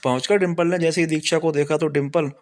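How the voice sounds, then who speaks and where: Guy reading out a story in a fairly high voice, names who talks before each line, trips over a word now and then. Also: fairly even intonation, fast. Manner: reads every part himself, naming each speaker before the line. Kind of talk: scripted story narration.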